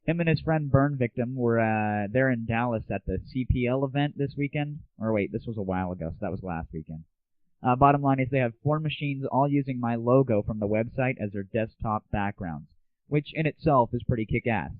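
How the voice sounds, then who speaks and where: An American man hosts an online gaming news show as casual solo commentary, slangy, opinionated and irreverent. His medium-pitched voice moves fairly quickly, with no room sound, and the audio is muffled and lo-fi, like a phone.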